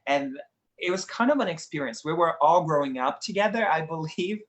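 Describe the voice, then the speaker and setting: A young Brazilian man with a Brazilian Portuguese accent is a guest in a casual conversation, speaking earnestly and reflectively and laughing easily. His voice is fairly high, animated and fairly quick, in an echoey room.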